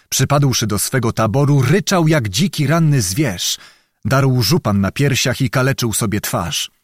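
A man's voice: medium pitch, no room sound, studio quality. Dramatic male audiobook narrator. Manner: measured, dramatic reading.

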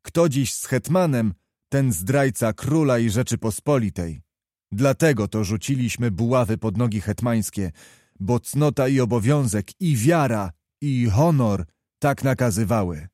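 A man's voice: mid-range voice, lively intonation, a little slow, dark tone, dry recording, clean studio sound, natural voice. A man voicing a stern older officer who speaks with impassioned, declamatory force. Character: stern older male officer, fiery patriotic orator.

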